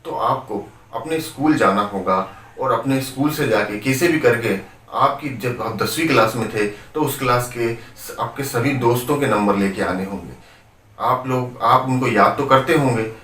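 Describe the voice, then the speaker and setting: A composed male psychologist speaks in a measured, instructive way, steady and firm, as a man narrating a story puts him on. The voice sits in an ordinary middle range and is heard from some distance off the mic, with a roomy echo around it. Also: medium pitch, close to an everyday voice. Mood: firm, reassuring. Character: calm, firm male psychologist giving orders.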